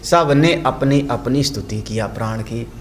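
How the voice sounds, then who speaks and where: A man's voice: mid-range voice, a little slow, slight background noise. An older man, a swami, giving a storytelling commentary on scripture and explaining Sanskrit phrases.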